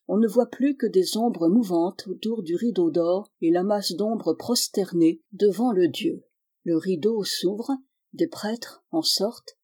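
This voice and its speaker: A woman calmly narrating a novel in a measured storytelling voice. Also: medium pitch, slightly rough. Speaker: audiobook reader.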